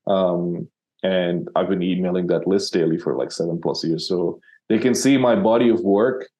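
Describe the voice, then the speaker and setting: A man's voice: deep voice, moderate pace, warm tone, muffled recording. A man from Sri Lanka, a copywriter guest in an interview, talking casually with many fillers and restarts.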